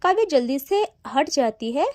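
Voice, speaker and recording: A woman storyteller reads a romantic audio drama with lively, dramatic delivery. Her voice is high and warm. It is recorded dry and close. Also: normal speed, no echo.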